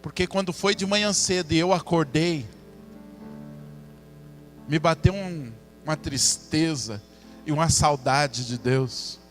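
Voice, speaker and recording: A man's voice: a little high, takes it slowly, long pauses. A middle-aged man preaching a sermon and acting out his own prayers, with faint music behind him. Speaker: pastor.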